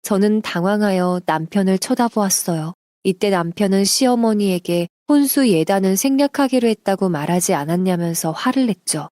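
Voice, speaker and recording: A woman narrating a submitted life story in an even, confiding storytelling manner. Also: mid-range voice, normal speed, few pauses, no room sound, studio quality.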